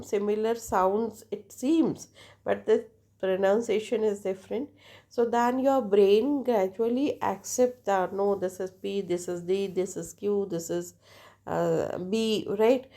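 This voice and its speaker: Halting woman lecturing, gravelly voice. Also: mid-range voice, mellow. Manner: halting, with many fillers and restarts, switching into Hindi. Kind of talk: classroom lecture.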